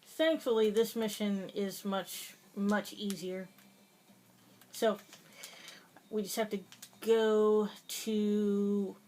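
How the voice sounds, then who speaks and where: A woman's voice: medium pitch, fairly even intonation, very slow, pauses often, dark tone, a little hiss or hum. A woman giving casual, chatty commentary over her gameplay, laughing often and hesitating with many fillers. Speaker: gaming video host.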